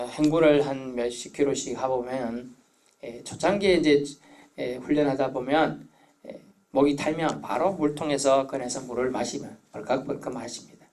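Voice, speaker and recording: A man's voice: mid-range voice, darkish tone. A middle-aged man preaching a sermon as pastor, telling stories in a conversational way. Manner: storytelling, conversational preaching with anecdotes.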